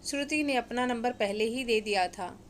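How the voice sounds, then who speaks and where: A woman's voice: on the high side, normal speed, a little hiss or hum. Woman narrating a moral story.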